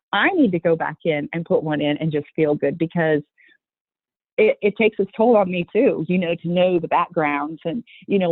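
A woman's voice: lowish voice, no room sound. A woman being interviewed about her work with children, talking earnestly, restarting her sentences and acting out voices when she quotes people. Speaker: guest running a youth horse program. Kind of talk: conversational interview. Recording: tinny phone-line sound.

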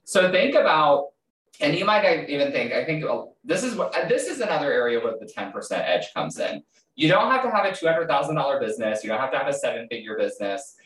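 A man's voice: on the high side, sing-song, quick pace, fairly bright tone, slight background noise. A man hosting a podcast interview, chatting casually with lots of fillers and restarts. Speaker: podcast host. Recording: roomy sound, distant from mic.

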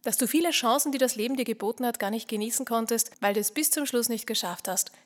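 A woman's voice: on the high side, quick pace. Earnest woman, motivational host. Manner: earnest, speaks straight to the listener, often drops to a soft near-whisper. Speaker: podcast host. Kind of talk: motivational podcast monologue.

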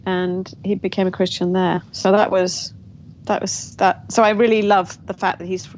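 In a mid-range, slightly mellow voice with flat delivery, an English woman talks at normal speed. As a guest author in an interview conversation, she reflects on her family history, restarting frequently. The recording sounds dull and lo-fi, with faint noise.

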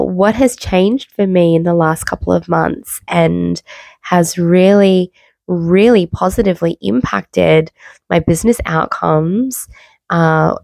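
Female podcast host, unwell and low on energy, informal and candid, lowish pitch with fry, dry close room. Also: a little mellow, no echo. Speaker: podcast host, wellbeing coach. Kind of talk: personal podcast monologue. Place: bedroom, sitting on bed. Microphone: makeshift mic, not usual podcast microphone.

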